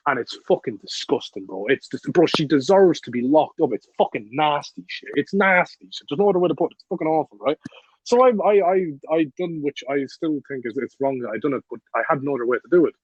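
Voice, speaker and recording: Husky young man, blunt and profane. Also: on the high side, quick pace, no echo. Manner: profane, blunt, laughs while telling the story. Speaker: podcast guest. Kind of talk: casual storytelling. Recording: dull lo-fi, dry recording.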